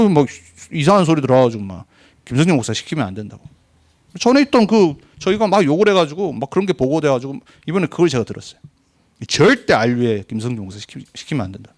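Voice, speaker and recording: A male pastor delivers a sermon in an earnest, exhorting way. His voice sits at a middle pitch, and it leaps upward when he stresses a point. Then it settles back into calm pleading.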